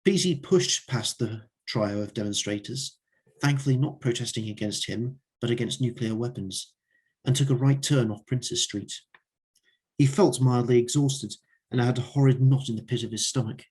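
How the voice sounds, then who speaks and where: A man's voice: mid-range voice, normal speed, a little mellow, slightly rough. A man reading his own fiction aloud at an open mic night in a wry storytelling manner.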